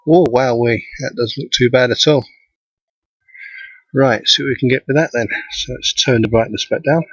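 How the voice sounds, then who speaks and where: Tinny, bass-less man. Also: moderate pace, no echo. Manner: thinking aloud while working. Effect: thin tinny sound with no bass. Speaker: amateur astronomer. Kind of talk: live how-to commentary. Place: outdoors at night. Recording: dull lo-fi outdoor recording.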